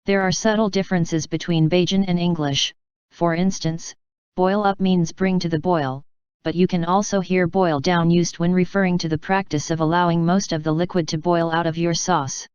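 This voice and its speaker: A woman reading scripted educational narration in a measured, formal, explanatory way. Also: on the low side, fairly even intonation, a little mellow, smooth, dry recording, highs cut off.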